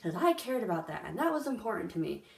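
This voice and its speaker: This young female vlogger has a mid-range, creaky voice with a sing-song lilt, and she talks quickly. She chats casually and earnestly to camera, using lots of fillers, and the room around her is echoey.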